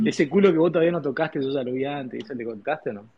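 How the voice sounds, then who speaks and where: A man's voice: medium pitch, quick pace, lo-fi sound, soft background music. A young man with an Argentine accent bantering with housemates, teasing and needling with laughs. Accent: Argentine Spanish. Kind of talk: casual banter among housemates. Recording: busy group chatter behind.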